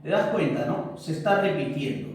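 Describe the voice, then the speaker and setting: Male teacher, high voice, keeps asking the class if they follow, mic far off. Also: lively intonation, darkish tone. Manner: unhurried, keeps checking in with correcto and ya. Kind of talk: recorded classroom lesson. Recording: echoey room, mic at a distance.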